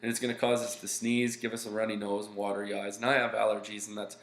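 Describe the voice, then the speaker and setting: Speaking fast and flat in a lowish, slightly bright voice, a young man from Canada teaches through a recorded slideshow lecture. His congested, nasal delivery is loose and full of fillers and "okay"s. A webcam picks him up indoors in a small home room with echo and a faint hum.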